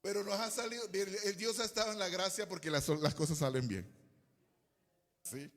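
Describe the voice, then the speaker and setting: A man's voice: high-pitched, moderate pace, long reverb tail. A man preaching a sermon as pastor, reading scripture aloud with strong exclamations and putting questions to the congregation. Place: church hall.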